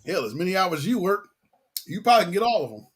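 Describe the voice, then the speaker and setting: A man's voice: high voice, big pitch swings, fast, background noise. A man chatting casually as host in a slangy, laid-back way, often repeating his phrases. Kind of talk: casual chat.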